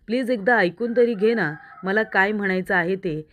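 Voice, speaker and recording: A woman's voice: medium pitch, normal speed, lightly acted. A woman reading the lines of a proud young husband who pleads and defends himself, in a story recap. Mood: pleading.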